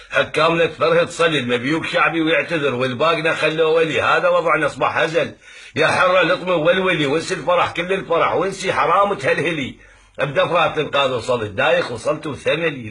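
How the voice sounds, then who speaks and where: Fast, bright Iraqi man reciting satirical verse. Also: fairly high pitch. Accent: Iraqi Arabic. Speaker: poetry reciter. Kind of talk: rhythmic satirical poem recitation.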